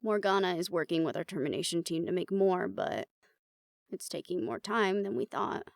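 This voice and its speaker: A woman with a lowish, creaky voice plays an uptight, weary researcher in a fantasy audio drama roleplay, speaking at a normal pace with lively intonation. Her conversational acting has a dry, exasperated edge and a matter-of-fact mood, and the recording has no echo.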